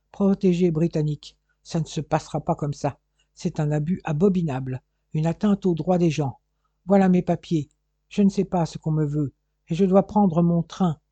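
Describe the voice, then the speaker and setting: A man's voice: high voice, warm tone, no echo, voice pushed up. A man voicing a cornered male criminal who protests with vehemence, on a dull, lo-fi, dry recording.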